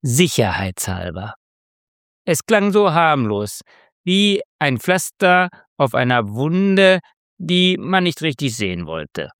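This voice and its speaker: A man reads a story aloud slowly and deliberately, with lively rises and falls in pitch. His voice sits somewhat high for a man and the sound is close and dry. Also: clean tone, dry recording. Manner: measured, expressive reading. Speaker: narrator. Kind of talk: scripted narration.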